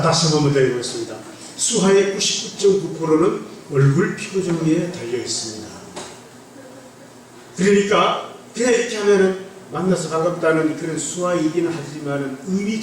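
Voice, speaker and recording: Captured from afar in an echoey church sanctuary with slight background noise, a man speaks in a fairly high voice. He is a guest pastor from Andong, South Korea, with a slight North Gyeongsang accent, teasing the congregation in a playful, joking testimony sermon.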